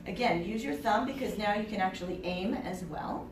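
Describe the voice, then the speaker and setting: A woman giving a chirpy, animated trade show product pitch, instructing listeners and often checking in with them. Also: normal speed. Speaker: self-defense product demonstrator. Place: indoor expo event. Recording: echoey room, distant mic.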